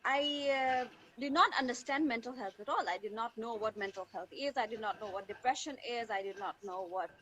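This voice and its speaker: Over an online call with faint noise behind her, a teacher and mental health advocate from Tanzania answers interview questions conversationally. She pauses to search for words and repeats phrases to stress them. Her voice is a little high and fairly bright, and the audio quality is poor.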